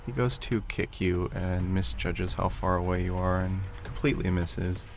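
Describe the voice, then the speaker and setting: A man's voice: low-pitched, normal speed. A man acting as game master, improvising narration for a tabletop game. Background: background music.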